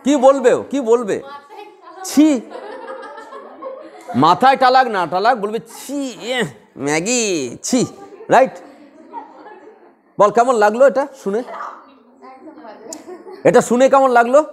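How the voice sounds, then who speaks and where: High-voiced playful Bengali tutor. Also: male voice, animated, a little slow, pauses often. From West Bengal. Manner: playful, laughing, acts out quarrels and recites verse. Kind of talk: classroom lecture on poetic rhythm.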